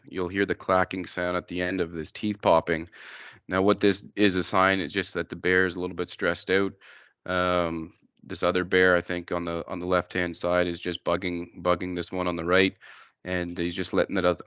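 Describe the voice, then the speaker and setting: Low, even-toned man giving a wildlife talk. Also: smooth, no room sound, muffled recording. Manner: plain-spoken, halting, explanatory. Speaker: wildlife educator, presenter. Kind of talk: informal educational slide presentation to a group.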